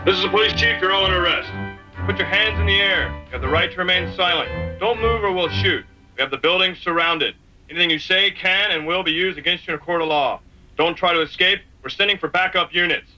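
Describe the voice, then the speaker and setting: Sharp, shouted police raid announcement. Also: male voice, sits high, quick pace. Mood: commanding, urgent. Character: man faking a police chief's raid order. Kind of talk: low-budget comedy film acting. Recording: muffled lo-fi film audio, music behind.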